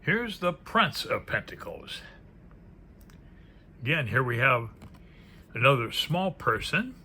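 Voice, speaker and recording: Presenting a tarot deck, a man muses casually without a script, his remarks fading into soft murmurs. His voice is mid-range with big pitch swings, delivered slowly in a pushed, bright tone. The recording carries faint background noise.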